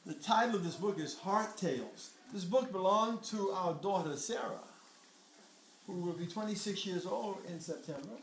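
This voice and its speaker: An older man reading aloud to children in an expressive, unhurried storytelling manner, with friendly asides to his listeners. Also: high voice. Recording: echoey room, distant mic, faint noise.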